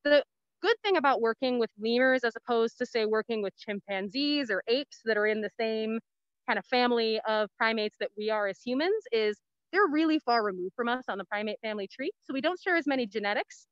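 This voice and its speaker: A woman's voice: on the high side, a little fast, no room sound. A woman speaking through a face mask as an educator on an informal virtual tour, explaining things in plain words. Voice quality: slightly muffled by a face mask. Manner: explanatory, plain-worded asides. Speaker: animal care educator giving a virtual tour. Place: outdoors in woodland, on a video call. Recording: slightly dull video-call audio.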